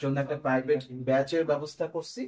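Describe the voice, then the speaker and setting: A man's voice: on the high side, fairly even intonation, quick pace, darkish tone. A young man, teaching an exam-prep class online and explaining step by step while checking that his students follow.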